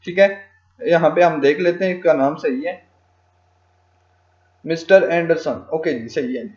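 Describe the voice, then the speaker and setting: Slow, echoey male tutor dictating as he types. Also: on the high side, darkish tone. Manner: slow, dictates English phrases word by word while typing; frequent fillers "ok ji" and "theek hai". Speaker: freelancing tutor. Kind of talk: screen-recorded tutorial. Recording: echoey lo-fi home recording.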